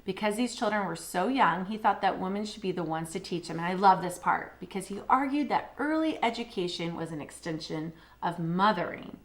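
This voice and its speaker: Woman co-hosting a homeschool podcast, low voice. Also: expressive, brisk, few pauses. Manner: conversational, reads quotes aloud, frequent fillers and restarts. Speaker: podcast co-host. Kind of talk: casual podcast chat.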